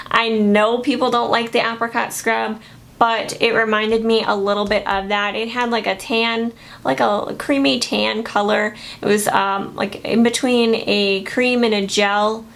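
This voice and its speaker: A woman reviewing used-up beauty products in a casual, chatty way, often pausing with fillers and restarting her sentences. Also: a little high, fairly bright tone. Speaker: beauty vlogger.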